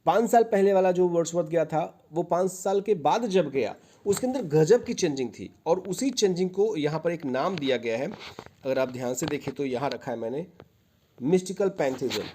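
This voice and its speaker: A man's voice: a little high, animated, normal speed, warm tone, a little hiss or hum. A male teacher giving an exam-prep lecture, patiently explaining and repeating key points, mixing English terms into his Hindi. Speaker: literature teacher.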